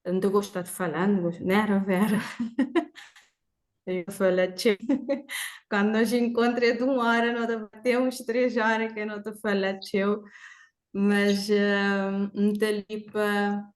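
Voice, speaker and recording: A woman's voice: medium pitch, little pitch movement, measured pace, a little mellow. A woman from Portugal and Verde, a guest talking cheerfully and spontaneously, rambling with many fillers. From Portugal and Cape Verde. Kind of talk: live conversation.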